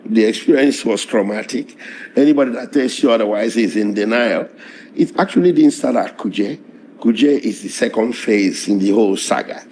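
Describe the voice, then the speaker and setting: A middle-aged lawyer with a hoarse, strained voice, recounting events in a measured, halting interview manner. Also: male voice, fairly low pitch, darkish tone, a little hiss or hum. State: hoarse, voice strained after tear gas.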